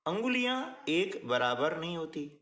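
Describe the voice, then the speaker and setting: A man's voice: normal speed, echoey room. A man teaching a workbook lesson, explaining step by step and often checking in with short questions to the listener. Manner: lively, rising and falling pitch.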